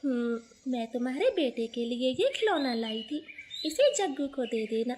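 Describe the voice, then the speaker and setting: A woman voicing a gentle, patient young wife bird in a cartoon, speaking softly and meekly. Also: high-pitched, very animated, moderate pace, a little hiss or hum. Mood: kind. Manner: soft, patient, meek.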